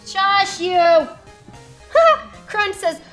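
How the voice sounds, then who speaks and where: Woman in her 30s, high bright voice, bubbly chatty stream host, soft music behind. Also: fairly even intonation, extremely slow. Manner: bubbly and chatty, laughs often. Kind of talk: casual chat while painting miniatures. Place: studio set with a table.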